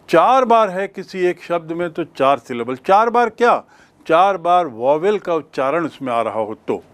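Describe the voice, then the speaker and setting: A male teacher, explaining grammar in a classroom lesson, slowly repeating and spelling out words. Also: high voice. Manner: slow, repeats and spells out words, mixes English phrases.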